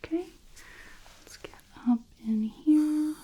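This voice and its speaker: Close to a sensitive mic, a woman with a high voice whispers softly in an ASMR roleplay as a dental hygienist. She is slow and reassuring, often checking in with a gentle "okay?"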